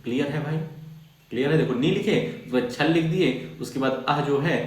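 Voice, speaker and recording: A man's voice: fairly high pitch, fairly quick, heavy reverb. A man teaching a grammar lesson to schoolchildren, repeating key points and putting questions to the class.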